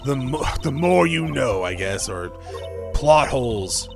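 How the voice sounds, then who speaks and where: A man's voice: medium pitch, very animated, slow pace, vocal fry, over music. A man hosting a let's play, commenting on a game in an offhand, joking way and laughing often. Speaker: gaming channel host.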